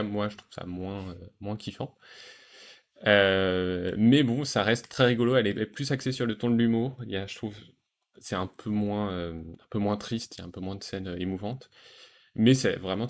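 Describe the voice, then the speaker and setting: A man hosting a relaxed podcast conversation, talking enthusiastically about animated series with frequent fillers and restarts. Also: fairly low pitch, normal speed. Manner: enthusiastic, hesitant with many fillers. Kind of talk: casual chat.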